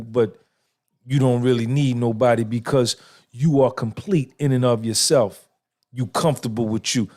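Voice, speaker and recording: A man's voice: mid-range voice, a little mellow. A middle-aged man hosting a podcast, giving an emphatic, swaggering motivational monologue full of repetition and cursing. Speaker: podcast host.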